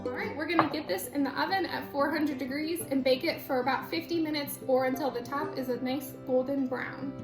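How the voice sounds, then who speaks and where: A young woman hosts a homey cooking video, chatty and quick to giggle, with plenty of "like" in her speech. Her voice sits high and bright, and it rings around a hard-surfaced kitchen. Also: fairly even intonation, over loud music. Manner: chatty, laughs easily, says "like" often. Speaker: cooking channel host. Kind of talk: casual cooking vlog chat. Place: home kitchen. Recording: echoey kitchen.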